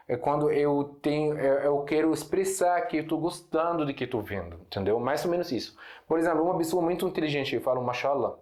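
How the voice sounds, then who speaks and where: Syrian man, native Arabic speaker, mid-pitched, teaching a relaxed lesson with lots of fillers, recorded in a roomy echo. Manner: hesitant, many fillers and restarts, explains with examples. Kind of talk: casual online language lesson. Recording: echoey room.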